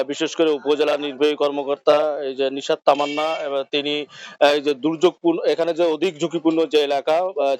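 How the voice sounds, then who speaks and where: Male field reporter, Bangladeshi accent, fairly high even voice, clean live report delivery.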